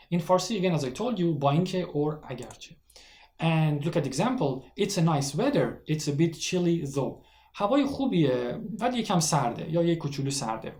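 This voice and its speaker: Male teacher, higher voice, brisk bilingual delivery, echoey room. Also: darkish tone. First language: Persian. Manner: switches between slow deliberate English and rapid Persian. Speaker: English teacher. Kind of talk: bilingual grammar lesson.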